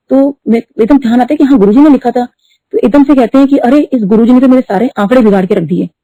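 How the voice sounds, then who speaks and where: A middle-aged woman telling a devotional story at a satsang, talking fast and mixing in English words. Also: on the high side, warm tone, dry recording. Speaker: devotee sharing testimony. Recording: dull lo-fi dry recording.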